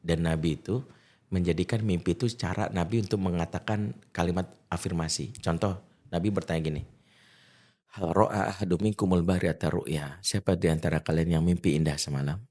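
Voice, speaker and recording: A middle-aged man, a preacher, giving a lively talk on parenting and quoting Arabic verses. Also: fairly quick. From Indonesia. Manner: animated, swings to high emphatic pitch, quotes Arabic verses. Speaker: Islamic preacher, podcast guest. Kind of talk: casual religious talk on parenting.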